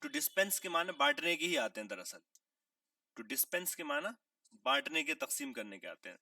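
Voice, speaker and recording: A man giving a classroom vocabulary lesson in a bright, edgy, gravelly voice that swings widely up and down. He poses questions and answers them himself, repeating each key word, and clears his throat now and then. The voice is picked up from a distance. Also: high voice, wildly swooping pitch, dry recording, clean studio sound. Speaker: English teacher.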